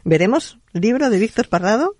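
Higher-pitched interviewer, dry sound. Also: male voice, expressive, normal speed, darkish tone, dry recording. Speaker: interviewer host. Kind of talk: casual interview chat.

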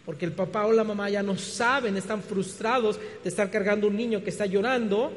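A man preaching a sermon, animated and full of rhetorical questions, often restarting his words. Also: high voice, a little fast. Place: church hall. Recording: reverberant hall.

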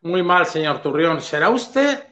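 A man's voice: fairly high pitch, sing-song, measured pace, bright, forceful tone, roomy sound, lo-fi sound. A man hosting a political commentary livestream, talking in a sarcastic, mocking way and addressing his target directly. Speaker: stream host.

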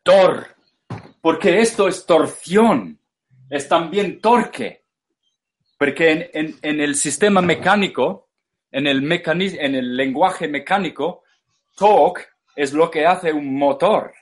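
A man with a fairly high voice speaks very slowly, lecturing with a foreign speaker's care. He hesitates, repeats single words and gropes for vocabulary mid-sentence. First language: English. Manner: halting, repeats words, searches for Spanish words. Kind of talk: slow explanatory lecture.

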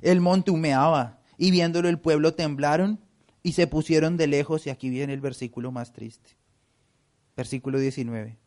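A man preaching a sermon, animated and acting out the voices of the people he quotes. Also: a little high, normal speed. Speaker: pastor.

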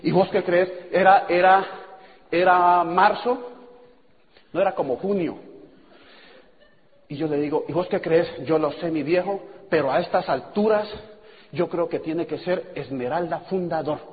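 A man's voice: a little high, a little slow, pauses often. A man telling a story to a seminar audience in an auditorium, acting out dialogue and laughing often. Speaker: speaker at a business seminar. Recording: echoey hall over a tinny, noisy line.

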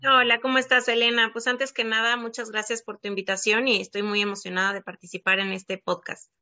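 A woman's voice: a little high, level tone, brisk, bright, forceful tone, dry recording. A woman from Argentina, a child sleep coach, talking earnestly as a podcast guest and filling her speech with little filler words. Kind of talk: casual interview chat. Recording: dull lo-fi dry sound.

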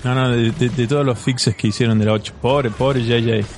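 A young Argentine man with a middle-pitched voice talks loudly and plays along with irony on a casual podcast. A faint hiss sits under the recording. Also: fairly even intonation, brisk. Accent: Argentine Spanish. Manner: loud, playful, ironic. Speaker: podcast co-host.

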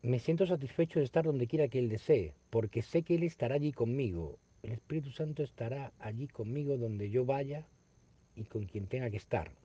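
A man, reading a spiritual text aloud and explaining it in an unhurried, reflective way that repeats phrases. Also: mid-range voice, dark tone, breathy edge, dry recording. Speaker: spiritual study teacher. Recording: dull lo-fi recording.

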